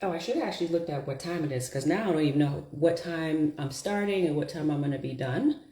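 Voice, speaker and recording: Low-pitched yet expressive, this woman talks fast in a mellow voice, the sound roomy around her. A beauty vlogger on a live stream, she chats loosely about herself in a self-deprecating way and thinks aloud while applying her lashes.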